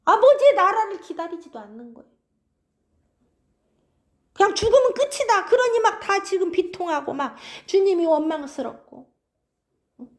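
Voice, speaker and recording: A woman's voice: extremely high pitch, expressive, moderate pace. A woman preaching an expository sermon, keeps prompting her listeners.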